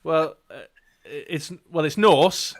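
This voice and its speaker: Sitting indoors at a gaming table, a man co-hosts a relaxed dice game stream, guiding his team with plenty of fillers and reading card text aloud. His voice is a little high, expressive and slow, and his manner is chatty.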